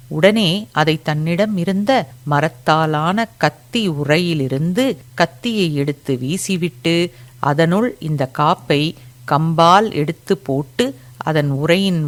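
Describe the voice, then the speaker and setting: A woman narrating a serialized story chapter in a measured, deliberate reading. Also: fairly low pitch.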